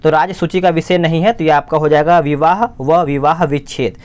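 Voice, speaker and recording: Male exam-prep tutor, somewhat high voice, brisk and repetitive explainer. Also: steady tone. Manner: quick, repetitive explaining, asks and answers himself. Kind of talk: quiz answer walkthrough.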